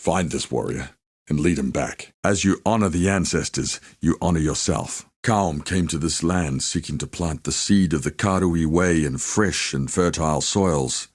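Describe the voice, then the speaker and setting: Haku, deep solemn warrior. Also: male voice, slightly rough, dry recording, clean studio sound. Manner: solemn, measured, formal storytelling delivery. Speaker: video game character. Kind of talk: dramatic scripted game dialogue.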